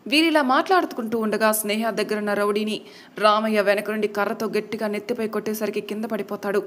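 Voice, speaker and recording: A woman's voice: medium pitch, fairly even intonation, fast. A woman storyteller narrating a dramatic family tale.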